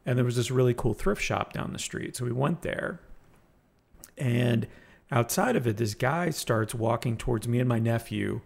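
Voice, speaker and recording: A man in casual conversation, telling a personal story in a reflective, halting way with frequent restarts. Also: medium pitch, creaky.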